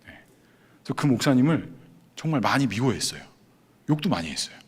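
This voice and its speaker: A man's voice: medium pitch, sing-song, a little fast, slightly rough. A male pastor giving a sermon testimony, acting out his own past prayers and thoughts as he tells the story.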